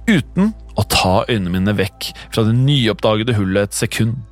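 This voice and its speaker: A man reading a first-person horror story aloud in a tense, hushed storytelling manner for a podcast. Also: on the low side, faint music behind.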